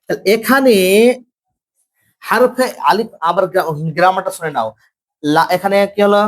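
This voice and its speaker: High-voiced man teaching Arabic grammar. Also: animated, a bit bright. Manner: slow, drawn-out pronunciation of examples; repeats points and tells students to listen. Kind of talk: classroom grammar lecture.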